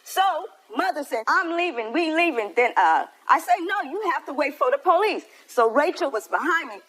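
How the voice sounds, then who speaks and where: Plaintive high-pitched American woman testifying in court. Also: sing-song, normal speed, fairly bright tone. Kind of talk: animated courtroom storytelling.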